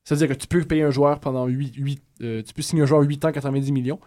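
A man giving a joking radio column, talking fast and animated. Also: medium pitch. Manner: quick, animated, joking, often laughing. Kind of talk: comic radio chat.

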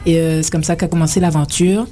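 Young singer lady, lowish mellow voice, lots of ben and euh, faint music behind. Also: fast. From Guadeloupe. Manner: relaxed, rambling with many fillers. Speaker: singer guest. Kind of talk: radio interview.

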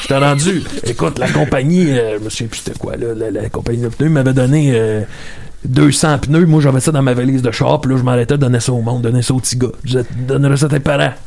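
A man's voice: mid-range voice, fast, a little mellow, natural voice. A man voicing a toothless, rambling, forgetful old comedian of about ninety with a Quebec French accent, in improvised interview comedy. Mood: proud reminiscing. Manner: rambling, hesitant, repeats phrases. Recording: clearly noisy background with clicks.

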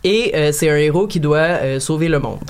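A woman's voice: deep voice, moderate pace, a little mellow. Quebec woman with English-accented English words. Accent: Quebec French, with English words said in an English accent. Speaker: video game columnist on a show. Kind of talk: casual spoken game review with banter.

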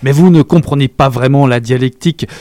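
Guy doing a fiery revolutionary speechmaker, big theatrical declaiming, warm dry voice. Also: mid-range voice, fairly quick, no room sound, lightly acted. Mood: impassioned. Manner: impassioned, declamatory, rising to loud peaks. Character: fiery male revolutionary leader, theatrical orator.

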